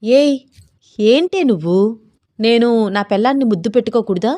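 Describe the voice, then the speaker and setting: A woman's voice: a little high, animated, moderate pace, warm tone, natural voice. A woman voicing a playful, amorous young husband who teases his wife. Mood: teasing. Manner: coaxing, teasing.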